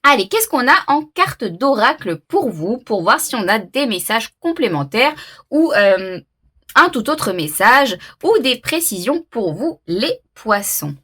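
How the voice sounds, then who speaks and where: A woman reads oracle cards for her viewers in a loose, chatty way, thinking aloud and restarting her sentences. Her voice sits a little high and moves around a lot. Her talk is full of fillers. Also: sing-song, unhurried, a bit bright, husky. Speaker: tarot reader. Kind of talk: casual oracle card reading to camera.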